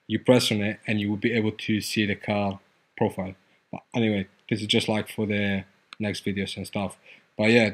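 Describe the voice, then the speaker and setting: A man hosting a screen-recorded coding tutorial, explaining his app in a loose, hesitant way with many fillers and restarts. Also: lowish voice.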